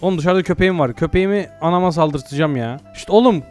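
A man hosting a virtual reality game video, commenting excitably with loud mock outrage and casual swearing. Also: a little high, quick pace, faint music behind. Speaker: gaming channel host.

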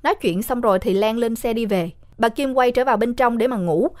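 A woman's voice: fairly high pitch, a little fast, a little mellow. A young woman, retelling a horror film in a chatty way, talking straight to her listeners. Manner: chatty, addresses listeners directly. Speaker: storyteller recapping a horror film. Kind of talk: casual spoken retelling.

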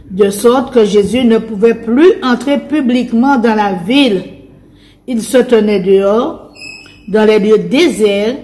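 A woman preacher leads a fervent prayer in a fairly high voice. She speaks slowly in short phrases and keeps repeating invocations to the Lord between them. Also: darkish tone. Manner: short spoken phrases with pauses. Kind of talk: fervent prayer and Bible reading.

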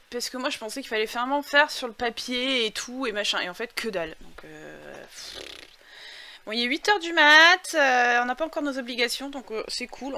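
A woman chats her way through a game, her voice bright and a touch high. She thinks aloud with plenty of fillers and hesitations, and now and then reads the on-screen quest text aloud. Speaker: let's play gamer. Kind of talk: casual gameplay commentary.

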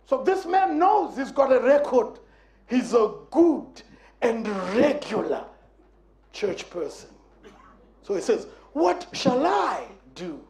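Animated male preacher in an echoey church. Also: very high voice, slow, long pauses. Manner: animated, playful, acts out quotes, bursts of emphasis. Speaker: guest preacher. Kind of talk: sermon.

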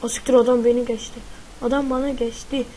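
High-pitched jittery gamer girl. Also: level tone, quick pace, mellow, a little hiss or hum, rough recording. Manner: frightened, swears a lot, shrieks in panic. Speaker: gaming YouTuber. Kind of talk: live gameplay commentary.

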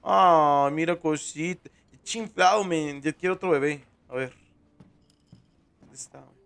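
A man's voice: on the high side, measured pace, vocal fry, fairly bright tone, clean tone. A young man with a Mexican Spanish accent, commentating his horror gameplay in slangy, joking casual talk. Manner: joking, slangy, tags lines with "men". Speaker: streamer playing a horror game.

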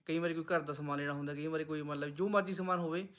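A man's voice: fairly high pitch, fairly even intonation, racing, a bit bright, dry recording. A man with a Punjabi accent, chatting casually to his viewers as a vlogger. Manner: chatty, addresses viewers as friends. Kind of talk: casual vlog narration to viewers.

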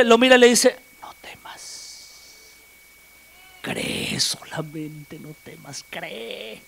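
Fiery high-voiced male preacher. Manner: swings from hushed whispers to shouted climaxes. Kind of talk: sermon. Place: church.

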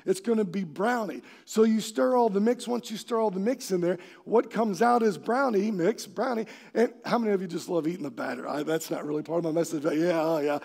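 A man pastor preaching a sermon in a church, animated and acting out quoted voices, sometimes shouting for emphasis. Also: high-pitched, brisk, vocal fry, hardly any pauses. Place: church sanctuary.

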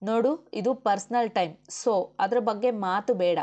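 A woman's voice: mid-range voice, a little slow, warm tone, lo-fi sound, lightly acted. Brief: woman reader voicing a principled young woman official, firm and outspoken, in an audiobook. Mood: arguing. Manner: firm, argumentative. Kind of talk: audiobook character voice.

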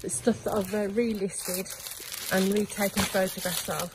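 A woman's voice: mid-range voice, little pitch movement, normal speed, background noise. A middle-aged woman chatting casually to camera as an online reseller, rambling along with many fillers. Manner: talks quietly inside the unit. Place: storage unit.

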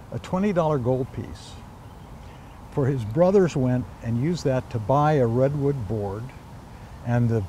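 With a mid-range voice and a little hiss or hum on the track, a Hawaiian man in his sixties animatedly tells family stories as an interview guest. He gestures while speaking, seated outdoors on palm-lined grounds by a church.

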